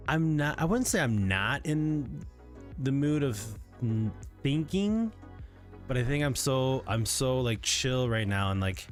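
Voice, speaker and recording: Chill guy streaming from home, kinda sleepy, rambly, soft music under him. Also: mid-range voice, slow pace. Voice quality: relaxed, rambling, lots of fillers. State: sleepy, yawning. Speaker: livestreamer. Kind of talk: casual chat with viewers.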